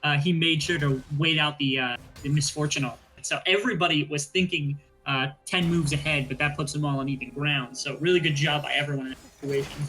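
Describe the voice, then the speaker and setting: A man's voice: fairly high pitch, steady tone, a little fast, few pauses, bright, forceful tone, low-quality recording. A man giving color commentary on an esports match, breaking down plays analytically with frequent ums and uhs.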